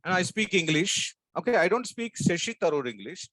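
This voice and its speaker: This is a man close to sixty with a strong Telugu-flavoured South Indian accent. His voice sits a little high and is recorded dry. He talks like a sales trainer, in short emphatic phrases, often putting questions to his listeners. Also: sing-song, brisk, a bit bright, no echo. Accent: strong South Indian Andhra Telugu. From South India, Andhra. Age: 59, about sixty. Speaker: sales trainer and business coach. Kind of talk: motivational training talk to an audience.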